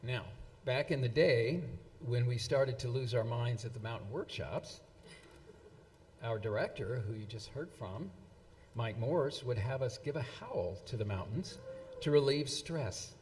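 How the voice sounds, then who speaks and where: A man's voice: medium pitch, animated, darkish tone. A man giving a speech at an event, stringing together quotations in a middling voice and stumbling over words with frequent fillers and restarts. His voice carries through a hall with a long reverb tail. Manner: halting, many fillers and restarts. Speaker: event presenter.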